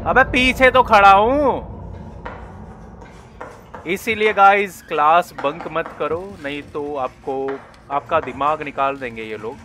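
A man's voice: fairly high pitch, slow, pushed and bright. A young man casually commentating a game as he plays, joking and teasing the enemies on screen. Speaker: gaming YouTuber. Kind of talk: casual Hindi gameplay commentary.

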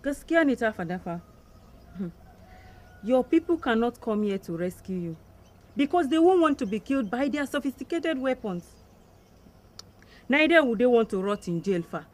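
A resolute captive in a Nigerian film. Her voice is fairly high and very animated, pragmatic, with a Hausa accent. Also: moderate pace, pauses often. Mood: urgent, persuasive.

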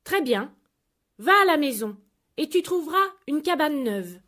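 A tiny magical golden fish from a children's storybook, gentle and obliging, as a woman puts it on. The voice sits high and bright above the narration and swings freely in pitch. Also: animated, measured pace.

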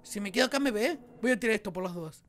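A man's voice: high voice, lively intonation, rapid-fire, a bit bright. A young man with a Rioplatense Argentine accent, commentating his gameplay for viewers and shrieking when startled. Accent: Rioplatense Argentine Spanish. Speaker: gaming YouTuber.

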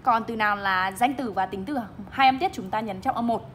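A young woman with a bright, clear, somewhat high voice teaches English word stress in a bilingual classroom way. She moves briskly, leaning emphatically on stressed syllables as she models words, and there's some slight background noise.

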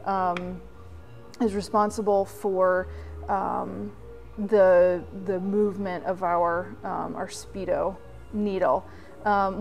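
Woman, workshop tutorial host, slow, step-by-step, thoughtful pauses. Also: mid-range voice, darkish tone. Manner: explains step by step with many "um" pauses. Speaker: vlog host.

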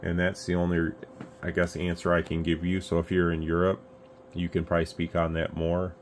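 Indoors at an electronics radio bench, an American man with a low, brisk voice hosts a video, rambling conversationally in unscripted product commentary as a radio reviewer. Steady background noise and room ambience are audible.

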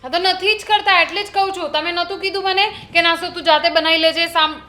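An actress playing a younger daughter-in-law who argues back sharply and complains about doing all the housework. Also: female voice, extremely high pitch, steady tone, fast, bright, forceful tone. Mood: defiant. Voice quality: argumentative, retorting. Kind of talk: village family drama acting.

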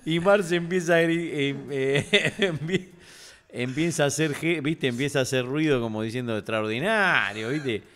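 A man's voice: a little high, normal speed, slight background noise. An Argentine man telling a funny story in a casual group chat, laughing as he talks. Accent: Argentine Spanish. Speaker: podcast panelist.

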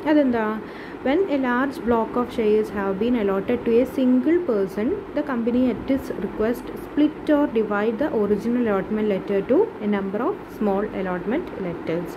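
A woman teaches commerce over slides, switching between two languages and pausing often on fillers. She reads the English definitions out slowly and deliberately. Her somewhat high voice comes through a dull, muffled recording with clear background noise.

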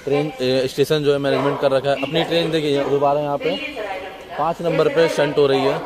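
A man's voice: on the high side, level tone, brisk, crowd noise, low-quality recording. A young man in his twenties narrating a casual travel vlog to a phone camera held at arm's length, chatting with viewers on a train and then on a station platform. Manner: chatty, talks straight to camera, addresses viewers as friends. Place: inside a moving train, later outdoors on a station platform. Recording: loud train and outdoor noise behind.

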